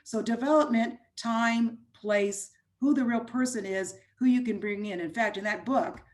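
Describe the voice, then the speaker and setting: A woman's voice: a little high, normal speed. A woman who teaches voice-over, chatting easily as a guest over a video call, her phrases loose and trailing. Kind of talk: casual interview chat.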